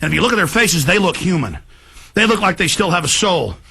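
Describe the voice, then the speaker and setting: A man hosting a talk show, delivering an indignant, vehement political rant that builds toward yelling. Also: high voice, expressive, quick pace, creaky, slightly rough.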